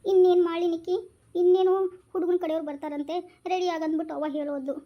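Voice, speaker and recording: A woman's voice: very high voice, fairly even intonation, quick pace, muffled recording. A woman voicing a tearful young woman pleading against an arranged marriage, with a North Karnataka Kannada accent. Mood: worried. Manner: pleading, weepy, soft. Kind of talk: homemade village drama.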